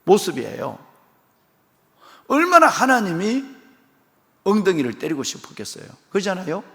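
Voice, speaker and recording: Lively, gravelly pastor in a reverberant church. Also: male voice, sits high. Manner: acts out biblical figures in quick, colloquial voices; lively, swooping delivery. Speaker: senior pastor. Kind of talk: expository sermon. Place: church sanctuary. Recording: long reverb of a church hall.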